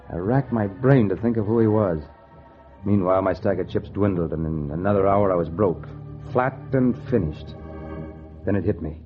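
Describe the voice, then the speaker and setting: In a dull vintage 1940s radio noir recording with background music, a male actor with a fairly low voice narrates in first person. He plays a hard-boiled, cocky gambler, broke and hungry for money, with clipped, wry, slangy delivery.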